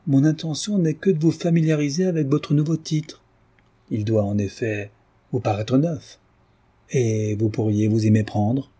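A man voicing a sharp-tongued older society lady who teases in an arch way, in an audiobook reading. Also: mid-range voice, fairly even intonation, measured pace, breathy edge, voice pushed up. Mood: teasing. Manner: teasing, arch.

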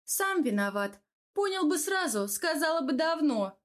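Woman reading as a sarcastic neighbor lady, teasing, higher pitched, audiobook. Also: unhurried, a little mellow. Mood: mocking. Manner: mocking, teasing. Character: sly sarcastic middle-aged female neighbor.

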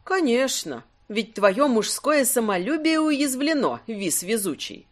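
Brief: man doing a mocking, ice-cool adventurer woman for an audiobook, high and lively. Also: measured pace, heavily acted. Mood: ironic. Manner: ironic, cool, teasing.

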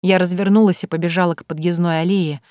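A woman reading a first-person fantasy audiobook in an expressive, tense way. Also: on the low side, quick pace, no echo, clean studio sound. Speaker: audiobook narrator.

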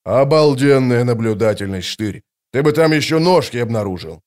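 A man narrating an audiobook, voicing a gruff, grumbling male sapper. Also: mid-range voice, animated, normal speed, darkish tone, lightly acted. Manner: grumbling, blunt.

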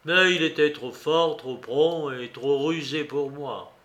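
A man narrating a classic adventure story for radio in a measured, deliberate way. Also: on the high side, fairly bright tone. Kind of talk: scripted literary narration for radio.

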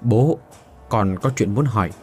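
A man's voice: on the low side, expressive, unhurried, a little mellow, faint music behind. A man voicing an earnest young man who asks anxious questions. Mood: earnest worried. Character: young man, anxious boyfriend of the dead girl.

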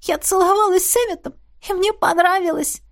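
Audiobook: tearful naive young woman, very high and breathy, voiced by a female narrator. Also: a little fast. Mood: dreamy. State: sobbing. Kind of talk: audiobook reading.

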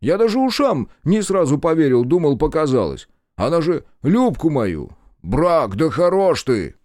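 Male narrator doing a protesting hungover storekeeper, crude talk, lively swooping voice, audiobook. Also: a little high, a little slow, no room sound, studio quality, voice pushed up. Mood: aggrieved pleading. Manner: whiny, protesting, crude slang. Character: hungover tied-up male storekeeper, aggrieved, pleading.

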